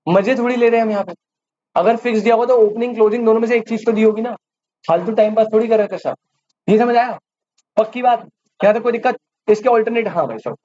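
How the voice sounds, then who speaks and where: In a live commerce lesson, a fast-talking man with a very high, mellow voice keeps a level tone. Questions to the class come constantly, and he repeats the key terms back to them. Faint hiss runs through the dull, lo-fi audio.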